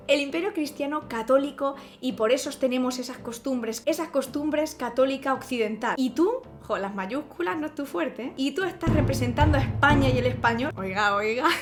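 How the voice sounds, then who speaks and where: A Spanish woman with a high voice and Spanish accent vlogs casually to camera, expressive and ironic, laughing often.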